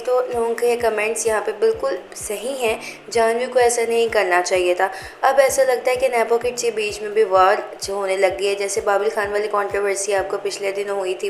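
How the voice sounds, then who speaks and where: A woman hosts a celebrity gossip channel, giving a scripted, chatty narration in Hindi mixed with English words and reading viewer comments aloud. Her voice is fairly high, and the low-quality recording has room echo plus a little hiss or hum.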